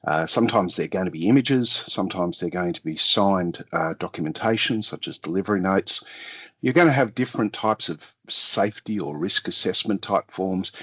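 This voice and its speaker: A hoarse man with a cold, the head of customer services, explaining software in a relaxed way. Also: low-pitched. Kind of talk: casual explanation. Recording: dull lo-fi audio.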